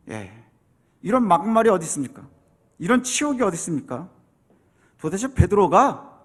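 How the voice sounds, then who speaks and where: A man's voice: very high voice, fairly bright tone. A man preaching a sermon as pastor, explaining scripture and acting out quoted voices with rising intensity.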